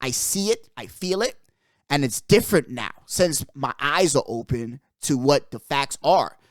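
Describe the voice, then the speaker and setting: A man's voice: mid-range voice, expressive, a little slow, dry recording, clean studio sound. A young man from the Bahamas hosting his podcast, talking in a rambling, emphatic way and peppering his talk with "bro" and "like". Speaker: podcast host. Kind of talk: casual chat.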